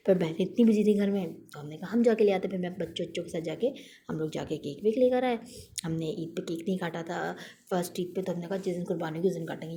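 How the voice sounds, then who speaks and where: A woman's voice: on the low side, dark tone, slight background noise. A young woman, casually narrating her home vlog in a chatty storytelling way with many fillers. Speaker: vlogger.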